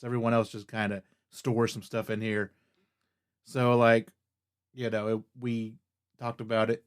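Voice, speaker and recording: A male podcast host talking at a middling pitch in a loose, rambling chat. He pads his sentences with "like" and "uh" and sounds keen and easygoing about what he's telling. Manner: rambling, full of "like" and "uh".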